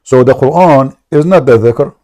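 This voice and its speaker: A man's voice: medium pitch, slow, mellow. A man hosting a call-in debate, pressing his questions again and again and relaying the caller's words to his audience in English and Arabic. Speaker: host of a call-in debate show. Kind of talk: combative live debate with a caller.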